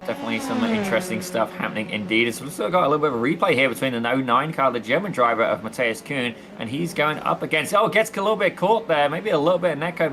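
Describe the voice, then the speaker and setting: A man with a mid-range voice serves as lead commentator for a sim racing league, giving theatrical play-by-play. Excitable and dramatic, he addresses viewers as ladies and gentlemen and keeps saying "ladies and gentlemen" and "indeed," with noticeable background noise in the recording.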